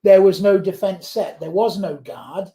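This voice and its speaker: A high-voiced man commentates on a live rugby match. He breaks down the play in a chatty way. He gets excited and shouts at the big moments. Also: unhurried.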